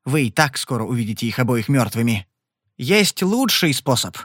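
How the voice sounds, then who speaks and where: A man voicing a cool, sarcastic young male cardsharp in a Western audiobook, smooth-talking and mocking. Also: medium pitch, big pitch swings, moderate pace, a bit bright, no room sound, studio quality.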